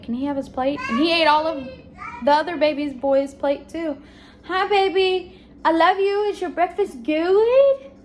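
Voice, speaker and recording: A woman's voice: fairly high pitch, slight background noise. A young woman vlogging at home to her phone, with a chatty, rambling way of talking to her viewers. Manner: chatty, rambling, southern-tinged "y'all". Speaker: family vlogger. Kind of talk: casual chat to camera. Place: at home indoors.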